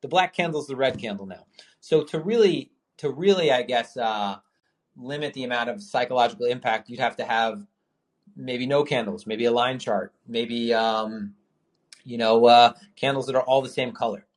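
A man with a medium-pitched voice hosts a live call-in podcast at a normal speed, chatting casually about trading. He rambles, fills his talk with fillers and restarts, swears offhandedly, and keeps hiccuping.

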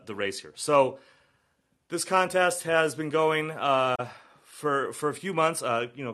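An American man hosting a political interview show casually, halting and circling back on his phrases. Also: on the low side, bright, forceful tone.

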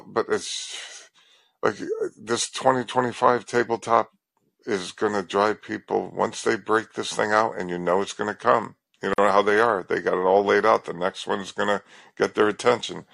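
A man's voice: on the low side, steady tone, moderate pace, creaky, a bit bright, dry recording, low-quality recording. A man calling in to a talk show, speaking in an emphatic, rambling, crude way. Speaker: caller. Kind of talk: phone-in conversation.

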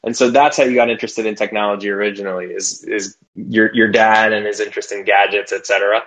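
A man's voice: on the low side, steady tone, fast talker, a bit bright, poor audio. A man hosting a podcast, asking casual questions, eager and encouraging, with fillers. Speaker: podcast host.

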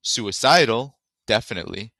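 A man's voice: on the low side, animated, moderate pace, gravelly, pushed and bright, no echo, studio quality. A man hosting a call-in podcast, talking casually and thinking aloud with fillers. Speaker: podcast host.

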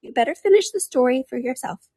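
A woman voicing a sleepy, sulky little dormouse in a storybook, hoarse and feeble. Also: high voice, lively intonation, normal speed, a little mellow, dry recording, clean studio sound, voice pushed up. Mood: sulky, indignant.

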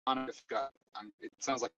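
A man hosting a live audio chat, speaking in a halting way with many fillers while his call audio keeps breaking up and dropping out. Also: medium pitch, little pitch movement, fairly bright tone, no echo. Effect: choppy, breaking-up call audio that keeps dropping out. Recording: dull, lo-fi, dry call audio.

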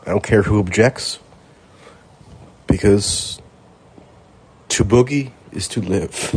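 A man's voice: fairly low pitch, takes it slowly, slightly rough. A man in his thirties hosting a casual call-in podcast, rambling in a wry, self-mocking way while getting over covid. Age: 30s. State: recovering from covid, coughing. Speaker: host.

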